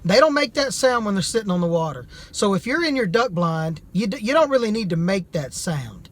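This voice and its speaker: A man's voice: high voice, sing-song, brisk. A man speaking in a plain, folksy way as he gives a casual, slightly hesitant product demonstration. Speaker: amateur duck hunter reviewing calls.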